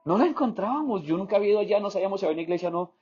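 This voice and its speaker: A man's voice: high voice, rapid-fire, breathy edge, soft background music. A man from Colombia with a Bogotá accent, a pastor telling a story in a sermon and acting out the voices of people in it. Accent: Bogotá Colombian Spanish. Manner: animated storytelling, acts out quoted voices. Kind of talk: sermon testimony. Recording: slightly dull lo-fi sound.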